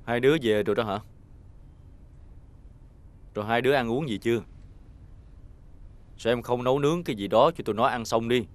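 An actor playing a calm father who questions his family evenly. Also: mid-range voice, normal speed, long pauses, natural voice. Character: calm, measured father of the household. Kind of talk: TV drama acting.

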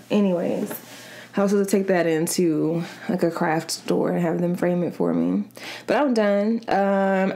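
A woman's voice: medium pitch, darkish tone, slight background noise. A young woman from Kansas City vlogging to camera in casual, rambling, slangy chat. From Kansas City, Missouri side. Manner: chatty and rambling, slangy, restarts often. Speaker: mukbang vlogger.

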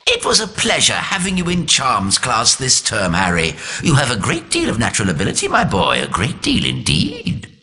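Excitable little old British wizard professor. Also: male voice, medium pitch, normal speed, few pauses. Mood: proud. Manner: exuberant, theatrical delivery.

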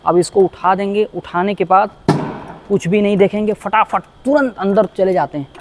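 A man's voice: high-pitched, moderate pace, background noise. A man teaching a workshop safety lesson as an auto technician, earnest and pleading, often repeating himself. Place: car workshop.

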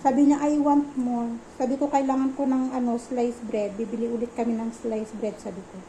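A woman's voice: a little high, steady tone, normal speed, warm tone, a little hiss or hum, low-quality recording. A woman vlogging casually at home, chatting and mixing English phrases into her talk. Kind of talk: casual home vlog narration.

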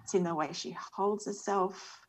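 An Australian woman in her forties joins a panel over a video call from a small room, speaking earnestly and thoughtfully in reflective talk. Her mid-range voice is soft-spoken, with fairly even intonation and a moderate pace, picked up by a webcam.

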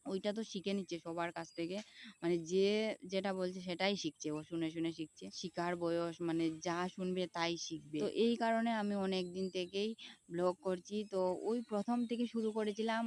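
A woman's voice: lowish voice, fairly even intonation, fairly quick, darkish tone. Chatty woman with a Sylheti accent. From Tripura, India. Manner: chatty, repeats herself while explaining. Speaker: vlogger. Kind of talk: casual talk to viewers. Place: outdoors by a pond.

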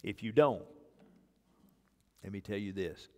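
Here an older man preaches from the stage of an indoor church sanctuary, his lowish, dark-toned voice unhurried. Working as pastor, he presses his message through repeated phrases over a wireless mic, and long church-hall reverb colors the recording.

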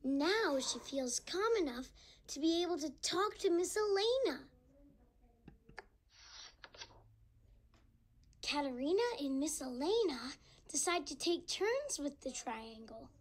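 A young performer voicing a friendly, gentle little boy tiger who narrates a children's read-along storybook in a slow, sing-song way. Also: high-pitched, big pitch swings. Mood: warm, reassuring.

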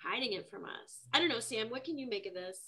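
Bright, earnest woman improviser. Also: fairly high pitch, animated, fast, husky. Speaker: improv comedy performer. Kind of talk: improvised sitcom scene.

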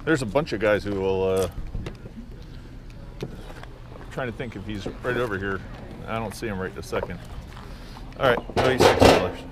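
Низкий спокойный мужчина на шумном рынке. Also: male voice, fairly low pitch, moderate pace, pauses often. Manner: easygoing, chatty haggling. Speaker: vlogger shopping a flea market. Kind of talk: casual chat while bargaining. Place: outdoor flea market. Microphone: body-worn action camera. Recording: outdoor noise behind voice.

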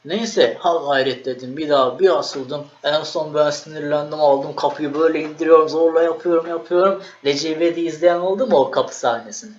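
A young man vlogging, telling a story in a casual, animated way and acting out what he said. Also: on the high side, a little fast, few pauses. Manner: animated, acts out his own quoted lines. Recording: echoey room, dull lo-fi sound, faint noise.

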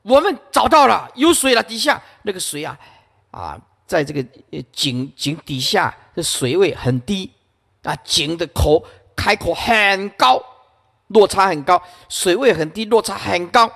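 A man voicing an eager, thirsty male frog in a spoken parable, exclaiming excitedly. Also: high voice, unhurried, vocal fry, full character voice. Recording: long hall reverb.

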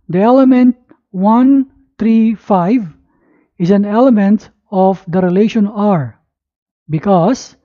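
A woman reading a scripted lesson as if dictating, word by word with pauses, spelling out letters and punctuation. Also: mid-range voice, dull audio. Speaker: math lesson presenter. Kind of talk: scripted lesson narration, read aloud.

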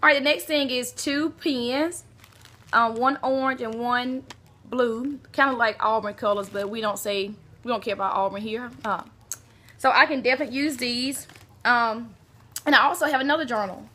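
A woman's voice: a little high, moderate pace, sharp tone. A woman from Alabama, gushing as she unboxes a mail swap package and talks to her viewers. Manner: gushing, exclaims often, talks to viewers as y'all. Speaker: beauty vlogger.

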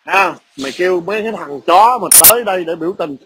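A Vietnamese vlogger rants angrily and profanely into his phone camera while at work. His voice is high-pitched and fast, and background noise can be heard in this furious video message.

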